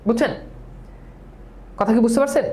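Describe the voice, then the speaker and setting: A man's voice: very high voice, darkish tone. A man teaching an online exam-prep lecture, drilling questions and answers over and over and sprinkling English words into his speech. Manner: talks fast, as he admits.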